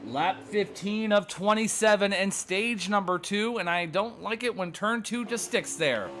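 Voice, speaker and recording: A man giving fast, excited play-by-play commentary on a sim race, sounding breathless from calling the action. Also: sits high, a little hiss or hum.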